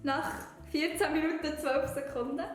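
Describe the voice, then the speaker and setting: A young woman with a high voice and a Swiss German accent talks casually as an amateur video host. She is playful and self-deprecating, in a very reverberant room with prominent music behind. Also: steady tone, normal speed. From Switzerland. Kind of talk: casual chat to camera with a friend.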